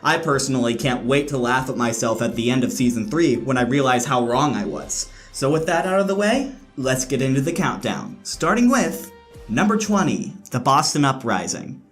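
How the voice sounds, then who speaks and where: A man's voice: medium pitch, big pitch swings, normal speed, fairly bright tone, faint music behind. A man hosting a scripted, opinionated esports countdown commentary, recorded indoors in a slightly echoey room. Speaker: esports commentator and video host. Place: indoor room, different from usual.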